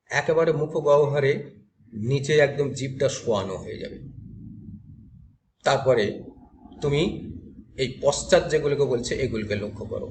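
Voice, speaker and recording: A man's voice: medium pitch, darkish tone, a little hiss or hum. Man teaching a grammar lesson. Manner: explains step by step, asks questions then answers them. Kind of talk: grammar lecture to students.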